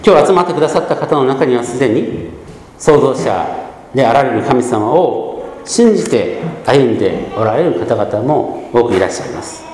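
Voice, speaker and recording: A pastor in his fifties from Gunma gives a measured sermon, pausing often with soft hesitations. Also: mid-range voice, expressive, reverberant, big-room sound, slight background noise, rough recording. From Gunma, Japan. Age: 50s.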